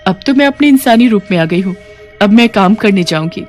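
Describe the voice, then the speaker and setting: A woman's voice: mid-range voice, expressive, brisk, a little mellow, soft background music, lightly acted. A woman voicing a grieving mother who has become a witch ghost, pleading and motherly in a cartoon story. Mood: earnest.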